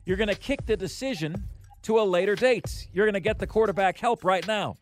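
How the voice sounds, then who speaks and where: An American man hosting sports radio, announcing countdown items in an emphatic, deliberate way and putting questions to his listeners. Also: sits high, soft background music. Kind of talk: top ten countdown, sports radio commentary. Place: radio studio.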